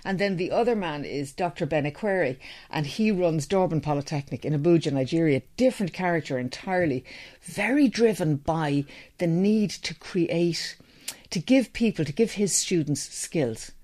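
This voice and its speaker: With lively intonation and a mellow, low-sitting voice at a moderate pace, a middle-aged Irishwoman talks chattily in an interview. She's clearly keen on her subject: the training business she runs.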